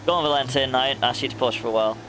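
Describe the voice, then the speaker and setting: Talking very fast in a mid-range voice, this young man chats casually as he streams a racing game. He laughs a lot and greets his viewers by name.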